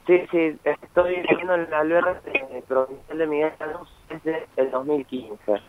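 Through a phone microphone on a muffled line, a young adult man from Misiones with an Argentine Spanish accent speaks as a student activist in an interview. His fairly high voice keeps a moderate pace as he earnestly explains his cause, often adding "¿sí?".

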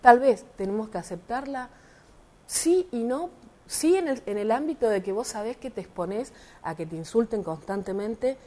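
Speaking at a moderate pace in a slightly high, darkish, animated voice, a middle-aged Argentine woman relates an incident to her interviewer. The lawyer and party representative plays out the quoted dialogue with indignant emphasis, in rioplatense voseo Spanish.

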